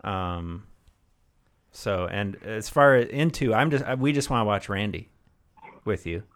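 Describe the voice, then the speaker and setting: Gravelly man in casual banter. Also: on the low side, lively intonation, a little slow, fairly bright tone.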